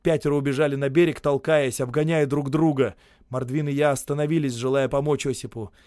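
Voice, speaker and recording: A man narrating literary prose in a measured, dramatic storytelling way. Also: mid-range voice, steady tone, darkish tone, dry recording, studio quality. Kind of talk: audiobook reading of literary prose.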